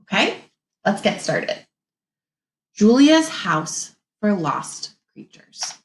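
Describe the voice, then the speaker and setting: A woman teacher reads a picture book aloud to young children, expressive and deliberate, stopping to muse and think out loud. Her voice is mid-range, the room echoes, and the recording is rough.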